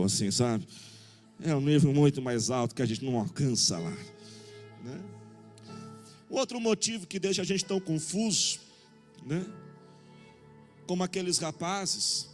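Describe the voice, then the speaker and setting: High-voiced Brazilian pastor, joking. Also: male voice. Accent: Brazilian Portuguese. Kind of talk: sermon with humorous anecdotes.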